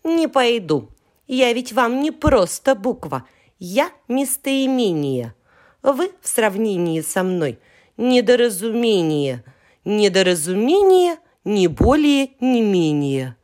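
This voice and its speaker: Woman doing a high-pitched boastful letter Я. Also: big pitch swings, slow pace, a little mellow. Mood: haughty. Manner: haughty, bragging, stubborn. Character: boastful, self-important female letter of the alphabet.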